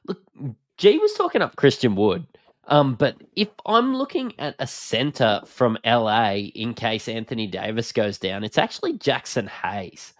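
Aussie bloke, broad australian accent, matey slangy sports podcast chat, really dry close sound. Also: male voice, mid-range voice, sing-song, measured pace, no echo. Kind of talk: casual basketball analysis chat.

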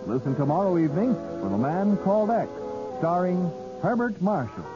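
High-pitched, animated old American radio announcer man. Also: normal speed. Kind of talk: old-time radio announcer delivery, scripted sign-off. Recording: muffled vintage radio broadcast recording. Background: music.

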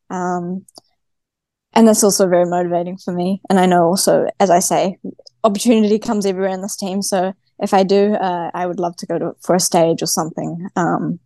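A woman's voice: fairly low pitch, mellow, no echo. A woman with a broad New Zealand accent, chatting casually as a guest athlete in a podcast interview. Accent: broad New Zealand (Kiwi). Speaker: guest, professional cyclist.

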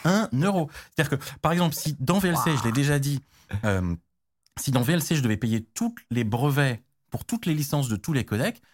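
A man's voice: mid-range voice, very animated, a little fast. A man explaining technical standards in casual chat, slangy, with many restarts and fillers. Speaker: tech guest expert.

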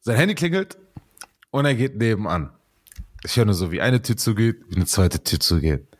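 A man's voice: lowish voice, very animated, moderate pace, dry recording, studio quality. Laughing, slangy man telling a story. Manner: laughs often, slangy street talk. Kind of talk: casual storytelling chat.

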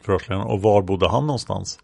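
A calm, formal male police interrogator, read out by a man. His questions are delivered in a procedural, unacted reading with a creaky edge. The sound is dry, with no room. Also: deep voice, dry recording. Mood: questioning.

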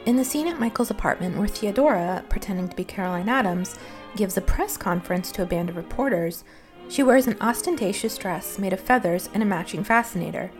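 A woman narrates a scripted film history essay. Her voice sits at a middle pitch and her delivery is articulate and measured. Soft music plays underneath. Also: expressive.

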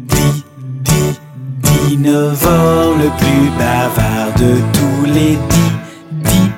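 A man playing a vampire father who sings a bedtime tale in a hammy, theatrical manner, lisping and stuttering playfully. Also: a little high. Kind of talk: sung storytelling. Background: guitar music.

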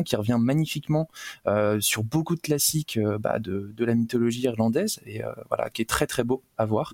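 A man's voice: mid-range voice, a little mellow, no echo, studio quality. A man presenting a film column on a casual podcast, playful and ironic, with lots of hesitations. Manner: playful, ironic, many fillers.

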